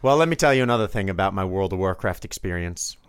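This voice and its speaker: A man's voice: low-pitched, expressive, fast, clear, resonant tone, dry recording, clean studio sound. A man co-hosting a podcast, chatting casually and telling stories. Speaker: podcast co-host. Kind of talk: casual chat, storytelling.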